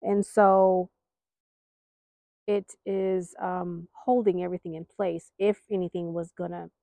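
Her voice sits lowish, level and mellow, with vocal fry and an unhurried pace. She's an American gardening vlogger hosting a casual, rambling update, chatty, folksy and slightly apologetic, while filming her backyard garden, captured in a dry recording.

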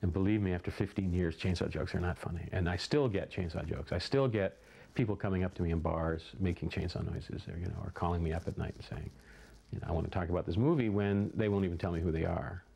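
A middle-aged man reflects calmly in an interview by a window. His voice is deep and gravelly with a dark, mellow tone. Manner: measured and reflective. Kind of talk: casual interview. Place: indoor room by a window.

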